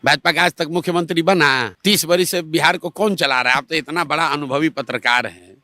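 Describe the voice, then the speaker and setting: A forceful man argues his side in a political interview. He fires off rhetorical questions in a bright, tense, somewhat high voice. The sound is close and dry. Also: fairly quick, no room sound. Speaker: interviewee, party supporter.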